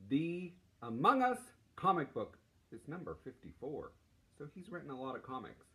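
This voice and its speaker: In a small classroom, a man in his forties who teaches primary school reads to children, speaking at normal speed with a mid-range voice. He keeps things playful, animated, and encouraging.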